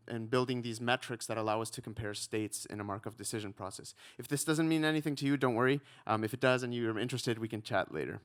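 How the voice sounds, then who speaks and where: A man from Ecuador, likely in his thirties, giving a relaxed conference talk with frequent ums and a self-deprecating touch. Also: mid-range voice, clean tone. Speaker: conference speaker, researcher.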